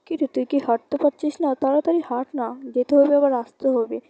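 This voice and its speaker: A woman's voice: high-pitched, brisk, mellow, no room sound. A woman playing a frightened young woman. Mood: casual. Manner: fearful and pleading. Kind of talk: amateur horror audio drama.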